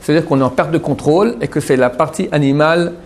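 A man giving a religious lesson to a class and taking questions, animated and often checking in with his listeners. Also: fairly high pitch, fast, a little hiss or hum. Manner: animated, keeps checking in with "d'accord?"; repeats and restarts words while explaining. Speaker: religious teacher.

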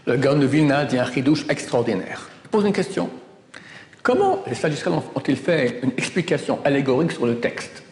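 A man's voice: medium pitch, big pitch swings, normal speed, slight background noise. Emphatic man preaching in an echoey hall. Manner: emphatic, swings between loud exclamations and hushed asides. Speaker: rabbi teaching Torah. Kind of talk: sermon.

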